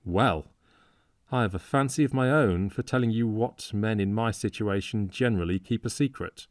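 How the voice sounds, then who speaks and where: Bitter, mocking young medical student, read by a man; low-pitched, dry audiobook sound. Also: moderate pace, no room sound, lightly acted. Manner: mocking, sarcastic.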